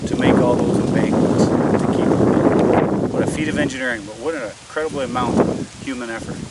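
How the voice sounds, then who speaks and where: A middle-aged man speaks at an average male pitch, chatting to his viewers as a vlogger. His manner is folksy and full of wonder. He is recorded outdoors at some distance from the mic, with loud wind and background noise over the voice. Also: brisk. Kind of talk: outdoor vlog talk to viewers. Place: outdoors in woods and a logged clearing. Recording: windy outdoor audio, far from mic.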